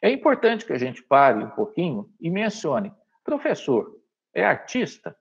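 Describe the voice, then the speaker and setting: A man's voice: on the high side, wildly swooping pitch, a little slow, gravelly, slightly rough, muffled recording. Brazilian man teaching over a call. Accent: Brazilian Portuguese. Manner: explanatory, addresses the audience directly, frequent "tá?" checks. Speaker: online teaching trainer. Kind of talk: live online workshop talk. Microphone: video call.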